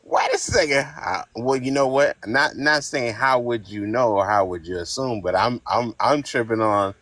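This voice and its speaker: Calling in to a casual live-stream podcast, this Northern Californian man in his fifties speaks bluntly, telling heated stories laced with profanity. He talks at a moderate pace in a mid-range, slightly bright voice, with no echo.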